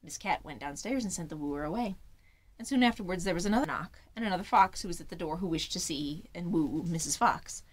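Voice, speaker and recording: A woman's voice: on the low side, expressive. Woman reading fairy tales aloud. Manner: measured storybook reading. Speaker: author and audiobook reader. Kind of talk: scripted fairy-tale narration.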